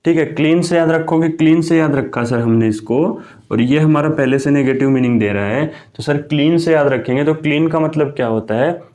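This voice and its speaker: A man's voice: on the high side, brisk, few pauses, darkish tone. A young man teaching an exam-prep vocabulary lesson in a chatty, casual way, often calling his students brother. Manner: chatty, keeps saying "my brother" and "okay".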